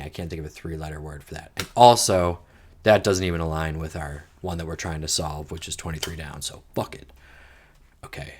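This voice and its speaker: A man with a very low, deep voice talks through a crossword puzzle in a relaxed, chatty way. He drifts off into rambling asides and drops the odd swear word. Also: breathy edge. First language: English. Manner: thinks aloud, rambling digressions, mild swearing. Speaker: podcast host solving a crossword. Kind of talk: casual solo puzzle-solving chat.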